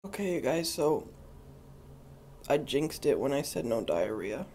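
A young man in his twenties talks straight into a phone held close, delivering a crude, deadpan food review. He stays dry and matter-of-fact at an everyday pitch, with a faint room noise behind him. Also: a little slow. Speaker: comedy vlogger. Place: small indoor laundromat by a window. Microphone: phone camera held close.

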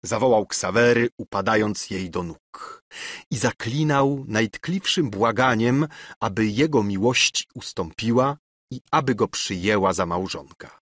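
A man narrating a classic novel in an expressive, dramatic reading. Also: lowish voice, measured pace, no echo. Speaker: audiobook narrator.

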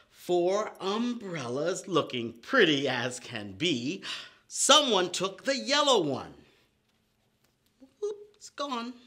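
A middle-aged man with a high, pushed, bright voice teaches small children at preschool storytime, leading chants and counting rhymes with exaggerated, simple, repetitive wording. The setting is an indoor storytime room with a painted paper backdrop.

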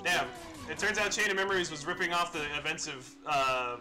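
A man's voice: on the high side, brisk, sharp tone, soft background music. A man streaming a video game, rambling and joking through casual commentary and swearing freely.

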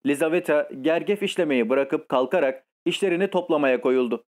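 A man narrating a classic short story as an audiobook in a steady, literary storytelling manner. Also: fairly high pitch, a little fast. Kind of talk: scripted narration.

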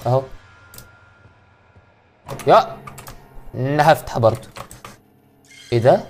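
A man's voice: medium pitch, lively intonation, takes it slowly, slight background noise. A young man with an Egyptian accent commentating a horror game, joking and muttering prayers when startled. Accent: Egyptian Arabic. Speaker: gaming YouTuber.

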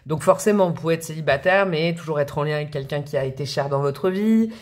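A woman's voice: low-pitched, fast talker. A woman doing a chatty, rambling tarot reading for her viewers, full of fillers and asides. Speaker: tarot reader.

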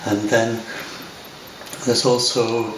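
Speaking very slowly at medium pitch with little pitch movement, an older man with an English accent, a software developer who lives in Scotland, talks unscripted to camera at home. He rambles hesitantly, with many fillers and restarts. A far camera captures him in a room by large windows, giving a roomy, distant, noisy recording.

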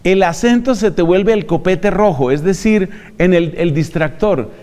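A friar lectures on preaching with a high, smooth, resonant voice. He speaks in an earnest, emphatic way and addresses his listeners directly. His words ring out with a long hall reverb. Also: unhurried, darkish tone.

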